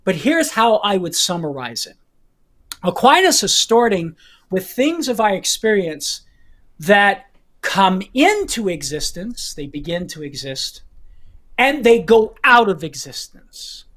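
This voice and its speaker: A man lays out philosophy step by step, restating phrases and pausing to check that his listeners follow. His voice is clear, with an occasional cough. He sounds like a guest teacher talking with the hosts. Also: high-pitched, sing-song, fairly bright tone. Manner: deliberate, repeats phrases, checks in with okay.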